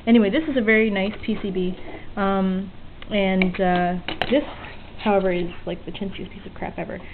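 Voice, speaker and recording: A hobbyist vlogger shows off an electronics project in an informal, unscripted show-and-tell, being self-deprecating and a bit sweary. Her voice is medium-pitched and steady at a normal speed. She records at a small home work area by an open window on a handheld camera's built-in mic, so the audio is tinny, band-limited and hissy, with faint outdoor weather in the background.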